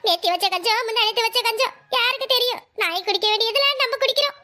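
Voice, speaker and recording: A woman's voice: very high-pitched, a little fast, bright, forceful tone. A woman voicing a wronged, scheming young sister-in-law in a cartoon comedy, complaining and wailing.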